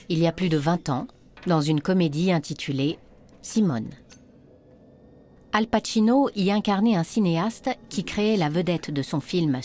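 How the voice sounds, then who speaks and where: A woman narrating a documentary in a measured, scripted voice-over. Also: fairly low pitch, mellow. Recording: voice-over with faint music behind.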